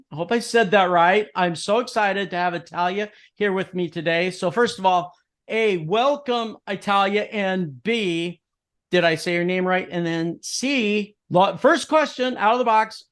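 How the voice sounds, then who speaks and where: A man hosting a podcast, interviewing a guest in a chatty, joking way. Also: high-pitched. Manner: chatty, jokey, quick bursts of speech. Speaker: podcast host. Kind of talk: casual interview.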